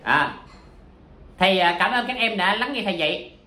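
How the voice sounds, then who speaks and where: A man's voice: high-pitched, animated, moderate pace, bright, forceful tone, roomy sound. A man teaching poetry in a chatty, casual way, full of examples and fillers. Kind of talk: casual spoken lesson.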